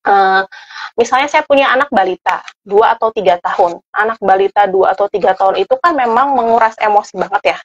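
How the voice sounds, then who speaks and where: A woman explaining parenting advice in a relaxed interview, filling pauses with soft "eh" sounds and casual tag words. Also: mid-range voice. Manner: relaxed, full of "eh" fillers and "gitu" tags. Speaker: parenting expert guest. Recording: dull, dry lo-fi recording.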